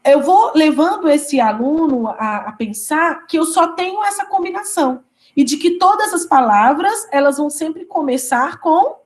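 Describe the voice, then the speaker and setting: A woman giving an online teacher training lecture. She explains step by step and often checks in with tag questions. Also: sits high. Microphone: video call.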